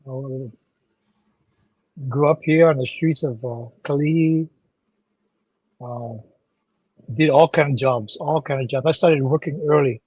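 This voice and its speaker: Hawaiian man with a husky voice. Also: medium pitch, measured pace, long pauses, darkish tone, no echo, muffled recording. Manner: friendly, easygoing storyteller. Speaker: guest. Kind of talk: casual podcast chat.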